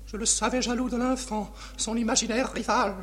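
A woman's voice: on the high side, fairly even intonation, normal speed, close to an everyday voice. An actress playing a proud, passionate, anguished noblewoman, declaimed in formal 1950s French radio tragedy style. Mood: wounded, confessional. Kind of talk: 1950s French theatrical radio drama acting.

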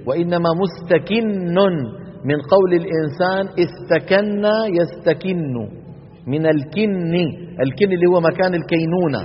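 A man's voice: a little high, slight background noise. A man teaching Quran recitation in a lecture, demonstrating letter sounds and asking students to repeat them. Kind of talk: classroom lecture on articulation. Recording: dull recording with long hall reverb.

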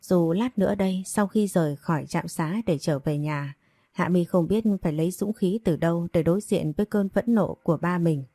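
Low, mellow woman narrating a story. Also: normal speed, no echo.

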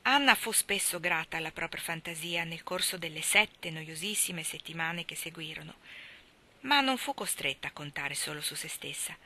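A woman reading a novel aloud as narrator, in an expressive, measured storytelling manner. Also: deep voice, slight background noise. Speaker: reader. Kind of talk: audiobook narration.

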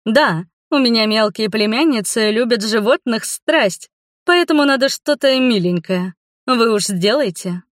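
A warm-hearted, gossiping townswoman who gushes and exclaims over every scrap of news, as a woman reads her. Her voice sits a touch higher and livelier than the narration. The recording is dry and close. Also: animated, unhurried, no echo. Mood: gossipy. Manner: gushing, exclaiming, dramatic. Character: chatty kindly older townswoman gossiping.

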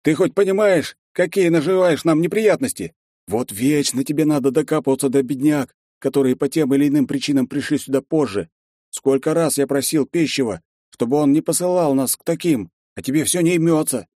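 An indignant male lizard guard who lectures his partner, as a man voices him in an audiobook. The voice is lifted well above the reader's own, firm and loud. The recording is close and dry. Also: on the high side, lively intonation, a little fast, dry recording, pitched above the performer's own voice, close to an everyday voice. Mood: angry. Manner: indignant, scolding.

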